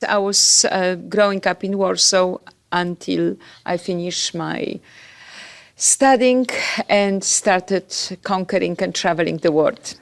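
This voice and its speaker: A woman from Poland with a Polish accent, a podcast guest chatting about her life and career with pauses and fillers. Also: lowish voice, vocal fry. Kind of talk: podcast interview.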